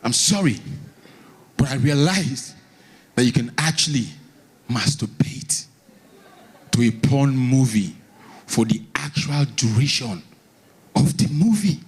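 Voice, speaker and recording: Animated Nigerian man doing stand-up. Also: mid-range voice, slightly rough. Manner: animated, acting out bits with dramatic pauses and repeats. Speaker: stand-up comedian. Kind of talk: stand-up comedy storytelling to an audience. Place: live comedy stage before an audience.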